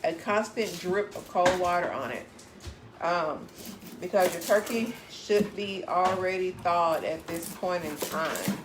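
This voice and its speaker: A woman's voice: on the low side, slow, background noise. A woman chatting casually in her home kitchen, giving down-to-earth cooking advice while she works. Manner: chatty, gives direct homey advice.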